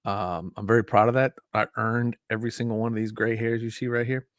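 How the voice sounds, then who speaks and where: A man's voice: on the low side, little pitch movement, fairly quick, dry recording, studio quality. Forty-something man rambling on a live stream. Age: 40s. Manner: rambling, frequent fillers and restarts. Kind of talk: casual live stream chat.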